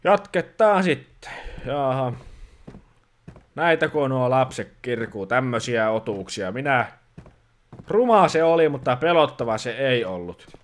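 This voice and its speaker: A man's voice: medium pitch, lively intonation, long pauses. A man doing casual let's-play commentary as a grumpy dad, exasperated and scolding, grumbling at the game as he plays. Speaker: gaming channel host playing a dad persona.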